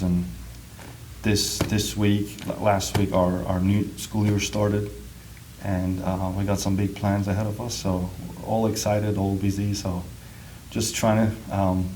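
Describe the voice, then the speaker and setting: A man's voice: deep voice, background noise. A man from Turkey who speaks natively, answering interview questions as a school marketing coordinator, hesitant and full of ums. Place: school building.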